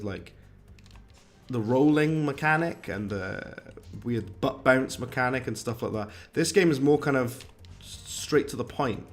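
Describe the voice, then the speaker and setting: A young man chatting and joking as he streams a game. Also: medium pitch. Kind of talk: casual live-stream commentary.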